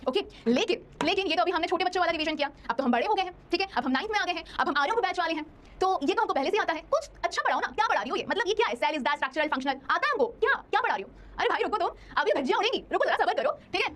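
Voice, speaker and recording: A young woman teaches a science lesson from a studio in a very high voice. She talks at a breakneck pace, playful and chatty, and keeps asking her students if they understand. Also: a bit bright. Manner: chatty, playful, talks straight to students with many checking questions. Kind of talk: online class lecture.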